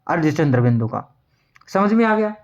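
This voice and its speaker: A man's voice: a little high, very animated, highs cut off. Hindi grammar teacher quizzing his class. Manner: repeats words slowly, asks and answers his own questions. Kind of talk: classroom lesson at a board.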